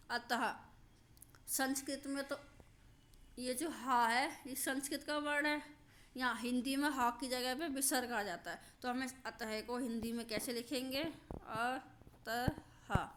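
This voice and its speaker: A woman teaching a grammar lesson, slowly and patiently, repeating examples and checking that her students understand. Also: on the high side, a bit bright, a little hiss or hum.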